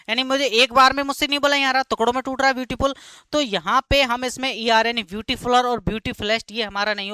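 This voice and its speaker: A man teaching a live grammar class, who keeps stopping to ask students quick check questions and repeats key words slowly. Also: very high voice, pushed and bright, clean tone, no echo.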